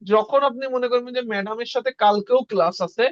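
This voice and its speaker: Brief: male tutor, high voice, dry and slightly dull recording, casual lesson. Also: no room sound. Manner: conversational, repeats words slowly for learners. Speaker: Russian language teacher.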